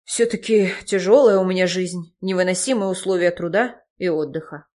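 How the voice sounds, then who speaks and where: Женщина изображает флегматичного ироничного мужчину. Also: female voice, on the low side, moderate pace, darkish tone, close to an everyday voice. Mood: wry. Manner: phlegmatic, lecturing. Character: phlegmatic wry man, caretaker friend.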